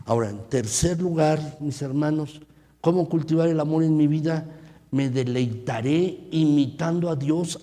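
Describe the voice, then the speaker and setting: A man's voice: on the high side, warm tone. A male pastor preaching a sermon, asking his listeners questions, repeating key phrases and calling them his brothers and sisters. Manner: calls listeners "mis hermanos". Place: church sanctuary. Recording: long church reverb.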